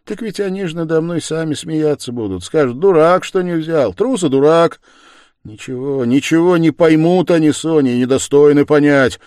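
A tormented young man pours out a feverish, bitter confession, as a male reader acts him out. His voice surges with agitation and swings lively in pitch, recorded dry and close in an audiobook style. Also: a little slow, no room sound. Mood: bitter defiance. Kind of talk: audiobook character voice.

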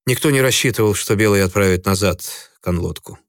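A man voicing a calm, authoritative fleet commander who speaks in an even, matter-of-fact way. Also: lowish voice, a little fast, dry recording, studio quality, lightly acted.

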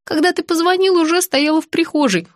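A woman voicing a whimpering, squeaky heroine. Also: brisk, no room sound, studio quality. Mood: peevish.

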